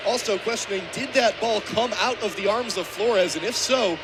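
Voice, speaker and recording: An American man in his twenties speaks at normal speed in a high voice while calling live football for radio. He's at an outdoor college football stadium, and the broadcast picks up surrounding ambient noise.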